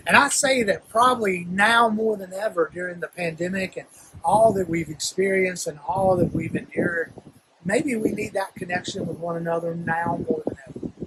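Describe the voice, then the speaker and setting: High-voiced Southern man preaching. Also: fairly bright tone, slight background noise, poor audio. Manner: earnest, reflective, building to emphatic calls. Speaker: guest minister. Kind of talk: sermon. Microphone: speaking to a camera.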